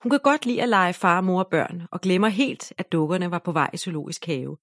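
A woman reading a children's story aloud in a gentle, even narration. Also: on the low side, no room sound, clean studio sound.

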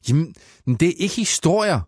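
A man's voice: lowish voice, lively intonation, a little mellow, no echo, studio quality, voice pushed up, lightly acted. A man reading aloud and voicing a sulky, anxious schoolboy who mumbles and then insists. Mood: insistent. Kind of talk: audiobook character voice.

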